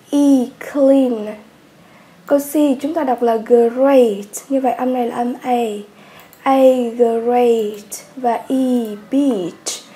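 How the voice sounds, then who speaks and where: A woman teaching an English workbook lesson with a Vietnamese accent, patiently repeating words slowly for her students. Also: sits high, mellow.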